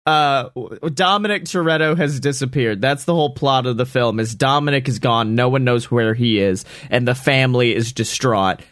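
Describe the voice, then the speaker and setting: A man co-hosting a comedy podcast, pitching a film plot with jokey storytelling and frequent laughter. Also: moderate pace, few pauses, a bit bright, dry recording, studio quality. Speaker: podcast co-host. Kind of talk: comedic improv chat.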